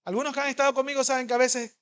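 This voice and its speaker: A man preaching a sermon as pastor, emphatic and conversational, swinging between loud and soft and asking the congregation questions. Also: very high-pitched, flat delivery, clean tone. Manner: conversational, fast at times.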